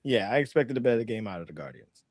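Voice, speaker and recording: A man in his forties co-hosting a sports podcast, talking in a halting, emphatic way with lots of repeated words. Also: mid-range voice, expressive, no room sound, studio quality. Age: 40s. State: out of breath. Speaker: podcast co-host and referee. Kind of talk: casual sports chat.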